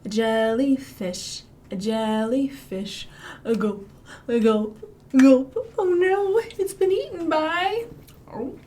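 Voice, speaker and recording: Running a children's storytime, this librarian from the American Midwest sings and chants rhymes with sweeping, excited sing-song swoops. Her voice is high and her pace is slow.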